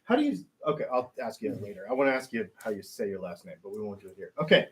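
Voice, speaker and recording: A man co-hosting, asking the students quick, friendly questions in a casual interview. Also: on the low side, very animated. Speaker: co-host interviewer.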